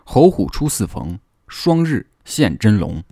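Lively male podcast storyteller. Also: on the low side, a little slow, vocal fry, husky, dry recording, studio quality. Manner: animated, acts out quoted lines. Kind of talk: retelling a legend in casual chat.

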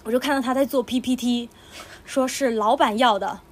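A young woman with a high, light voice chats casually on a podcast. She tells her stories with animation, jumping into the voices of the people she quotes. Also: moderate pace. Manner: animated storytelling, acts out quoted exclamations. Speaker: podcast co-host. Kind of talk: casual chat.

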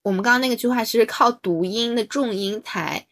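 A woman's voice: a little high, fairly quick, fairly bright tone. Woman co-host, casual chat, searching for words as she goes. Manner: thinking aloud, hesitant, many fillers and restarts. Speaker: podcast co-host. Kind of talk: casual book-club chat.

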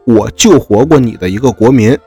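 A man voicing a noble male deer in a storytelling podcast, speaking earnestly and pleading, with a husky voice. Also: medium pitch, expressive, fairly quick, dark tone, dry recording, faint music behind. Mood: calm.

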